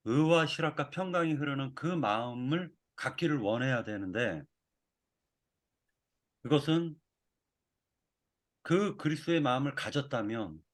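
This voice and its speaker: A preacher delivers a sermon in a measured, reflective way, with a mid-range voice and a fairly bright tone. He pauses often and restarts phrases while working through a thought.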